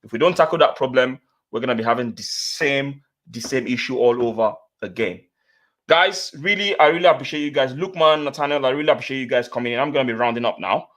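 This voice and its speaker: A man's voice: mid-range voice, quick pace, a bit bright. A man from Nigeria hosting a casual football reaction live stream, reading out viewer comments and repeating himself as he goes. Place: home studio, remote guests on call.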